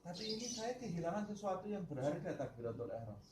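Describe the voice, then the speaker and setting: Pious male saint, earnest and pleading, pitched up high, as a preacher puts him on; roomy, noisy recording. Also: big pitch swings, fast talker. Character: pious grieving male saint, calm about loss. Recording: roomy with background noise.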